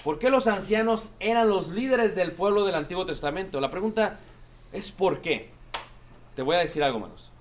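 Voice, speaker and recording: A man with a high, animated voice preaches a sermon at a moderate pace. He's emphatic, repeats his lines, and often calls the congregation "brothers."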